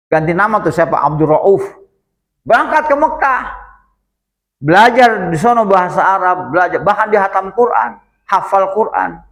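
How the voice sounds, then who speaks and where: A male Islamic teacher giving a religious study lecture in a prayer room, storytelling in a lively way and often addressing his listeners directly. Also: high-pitched.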